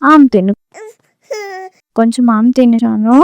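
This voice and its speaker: A woman's voice: fairly high pitch, a little slow, no echo. An actress playing a young mother who coaxes and soothes her crying baby in a short film. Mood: worried. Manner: tender, worried, coaxing.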